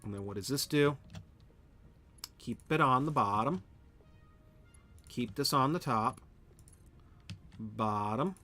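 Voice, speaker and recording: While building in a factory game on a live stream, a man rambles and talks to chat at a slow pace with long pauses. His medium-pitched voice is animated, bright and forceful, over soft background music.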